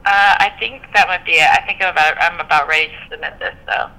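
A young woman calling in, heard through a phone on speaker, chatty and excitable. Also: fairly low pitch, fast talker, rough recording. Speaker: phone-in caller.

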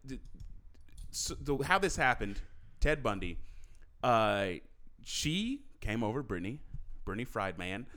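Man, podcast co-host, lively swinging pitch, teasing storyteller, casual chat. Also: unhurried, pauses often.

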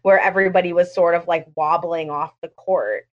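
A woman on a podcast, telling her reactions in an animated way and acting out what she thought. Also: lowish voice, normal speed. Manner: animated storyteller, quotes her own reactions. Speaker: podcast panelist. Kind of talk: casual podcast chat. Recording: dull lo-fi mic.

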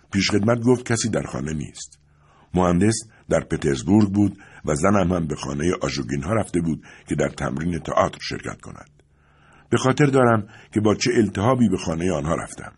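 Deep husky male storyteller. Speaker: narrator. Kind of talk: audiobook reading of a novel.

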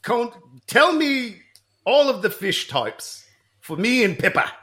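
Man as a slow, bright-voiced, bumbling visitor with a put-on British accent, improv comedy. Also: extremely high pitch, very animated, exaggerated voice. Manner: playful, bumbling, halting. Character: clueless male fair visitor claiming northern British roots.

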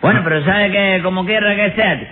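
A sly rogue played by a man, forever twisting words into puns. His voice sits a little high. It comes through a thin, tinny old radio recording. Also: fairly quick, lightly acted. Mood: cheeky. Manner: punning, cheeky, mangles words. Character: sly wisecracking male rogue on trial. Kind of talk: 1940s radio comedy acting.

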